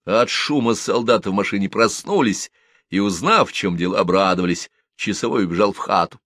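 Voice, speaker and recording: A man reading an audiobook aloud in a measured, expressive storytelling manner. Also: on the low side, dry recording, clean studio sound. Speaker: audiobook narrator.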